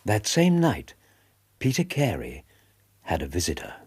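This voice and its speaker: An actor playing a middle-aged gentleman doctor who narrates a radio drama in measured, literary storytelling. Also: fairly low pitch, huge pitch swings, a little hiss or hum. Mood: solemn storytelling. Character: gentlemanly, reflective doctor recounting his friend's cases.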